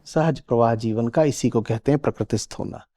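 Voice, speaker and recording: A man's voice: mid-range voice, brisk, mellow. A man teaching a live audience in a spiritual discourse, asking rhetorical questions and checking that listeners follow. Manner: acts out little quoted voices.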